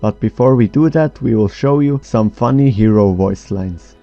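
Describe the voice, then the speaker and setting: A man's voice: on the low side, moderate pace, mellow, no echo. A man reading scripted explainer narration for a gaming documentary. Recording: dull lo-fi mic, faint music. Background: faint music.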